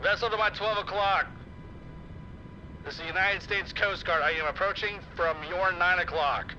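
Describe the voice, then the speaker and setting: A man's voice: high voice, steady tone, normal speed, sharp tone. A man voicing a stern Coast Guard helicopter radio operator, giving firm, clipped official commands over a marine radio transmission. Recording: muffled radio sound with faint noise.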